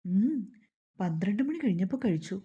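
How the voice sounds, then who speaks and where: A woman voicing a shy, gentle young woman who speaks softly and quietly. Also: medium pitch, big pitch swings, normal speed, husky, highs cut off.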